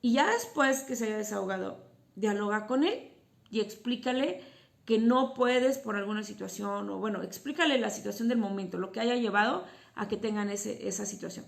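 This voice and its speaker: A woman's voice: medium pitch, normal speed, vocal fry. A woman psychotherapist and teacher, explaining to parents in a casual teaching talk and often asking herself rhetorical questions. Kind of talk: informal educational talk to parents.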